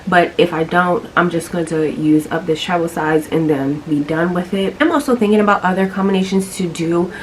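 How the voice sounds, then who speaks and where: A woman's voice: on the low side, normal speed, hardly any pauses, a little hiss or hum, rough recording. A young woman with a sick voice, chatting casually to camera as she reviews a fragrance and talks straight to her viewers. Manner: chatty, addresses viewers directly with slang. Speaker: beauty and fragrance YouTuber.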